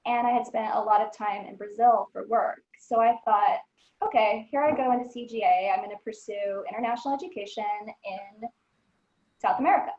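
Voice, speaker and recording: A woman's voice: fairly high pitch, fairly even intonation, a little fast, darkish tone. A woman from Southern California, telling her career story as the guest of an alumni interview. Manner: earnest storytelling. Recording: echoey lo-fi room.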